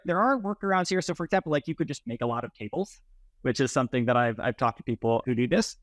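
Over earbuds on a video call, a middle-aged man who founded a software company talks through technical matters as an interview guest. He sits in a small, plain room indoors; his voice is medium-pitched and the recording is dry.

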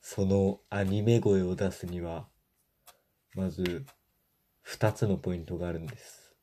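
A man's voice: low-pitched, fairly even intonation, a little slow, mellow, slight background noise. A young man presenting a tutorial to camera in a polite, formal way. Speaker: YouTuber presenter. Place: small room at home, indoors.

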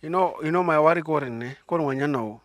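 A young man with a South African accent hosts a conversational interview inside a parked car, offering advice and blending English phrases into his local speech. His voice sits on the high side and he talks at a racing pace. A handheld mic and lapel mic capture clean studio-like sound with no echo.

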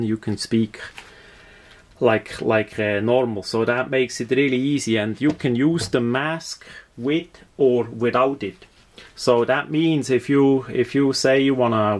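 A man with a Swiss accent talks through a product demonstration without a script. His pitch is average and his pace is slow. He is halting, often searching for a word and repeating himself as he goes. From Switzerland. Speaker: product reviewer.

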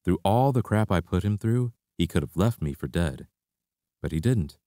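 A young man, a karate instructor, reading his own memoir aloud in a steady, reflective way. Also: low-pitched, normal speed, no echo, clean studio sound. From Canada. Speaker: martial arts instructor.

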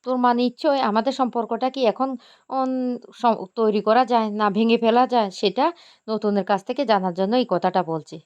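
A woman's voice: fairly high pitch, steady tone, a little fast, darkish tone, clear, resonant tone, lightly acted. A woman voicing a middle-aged husband who is coaxing and explaining, in a story retelling with slightly dull sound. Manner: retold quote, read plainly.

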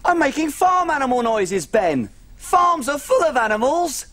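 An actress voices a tiny, cheerful cook in children's TV style, telling stories in a bubbly, cheery way. Her voice is high-pitched, sing-song and a little slow.

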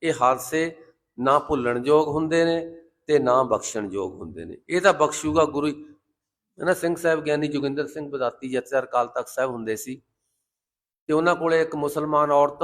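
A man delivers a fervent Sikh sermon in a fairly high voice. He slows down to intone scripture lines. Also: a bit bright. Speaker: Sikh preacher. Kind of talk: Gurbani sermon with sung scripture quotes.

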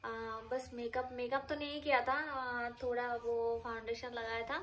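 A woman with a high voice talks to her viewers in a relaxed, rambling home vlog. She chats on casually and speaks to them directly. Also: normal speed, a little hiss or hum. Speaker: vlogger. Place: home, indoors.

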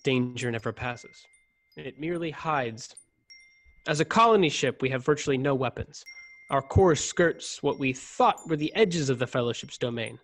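In a radio play, a young adult man with a medium-pitched, animated voice plays a proud, rigid, volatile starship ensign, speaking formally in clipped phrases at a moderate pace. The mood is grave and confiding. He was recorded over a video call on a close studio mic, using a desktop microphone while wearing a headset.

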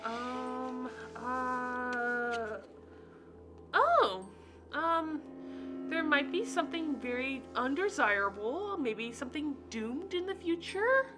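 A woman's voice: sits high, slow pace. A woman acting as a scheming carnival fortune teller in a comedy sketch, stalling with lots of ums. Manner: hesitant, full of ums and stalling. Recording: loud music behind the voice. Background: loud music.

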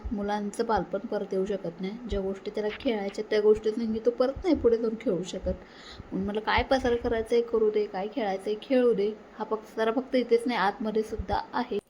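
A woman's voice: medium pitch, mellow, slight background noise, low-quality recording. A young woman chatting casually at home in a homely daily vlog, talking straight to her viewers. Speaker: vlogger. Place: home, indoors. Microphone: phone held at hand.

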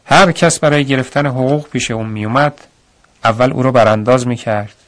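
A male storyteller giving a radio story narration in a measured, reflective first-person telling. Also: medium pitch.

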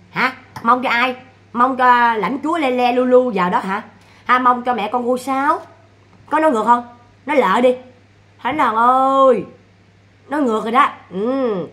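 A woman chatting casually to her viewers, animated and scolding, with repeated exclamations. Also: on the high side. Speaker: vlogger. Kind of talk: casual livestream chat.

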